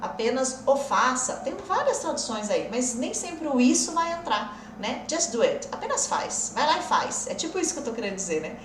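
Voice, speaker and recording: A woman's voice: sits high, big pitch swings, moderate pace, hardly any pauses, reverberant, far from the mic, a little hiss or hum. A woman teaching an English lesson on a live stream, explaining patiently, answering viewer comments and laughing often.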